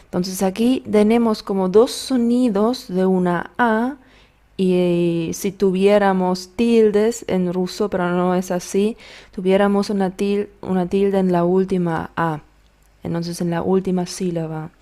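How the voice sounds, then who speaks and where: Slow, patient woman language teacher. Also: medium pitch, fairly even intonation, mellow. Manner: slow, patient drilling of words, modeling pronunciation. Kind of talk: video language lesson.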